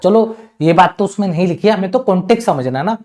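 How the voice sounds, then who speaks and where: A man's voice: high-pitched, animated, darkish tone. Indian man teaching English exam passages. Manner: reads English passages slowly, then explains each word in Hindi; chatty and teasing, with many rhetorical questions. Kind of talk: online exam-prep lesson.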